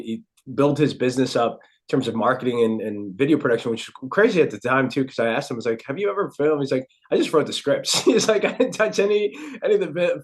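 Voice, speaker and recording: Fast-talking upbeat male host. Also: medium pitch. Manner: enthusiastic, upbeat praise. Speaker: podcast host. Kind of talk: casual interview chat.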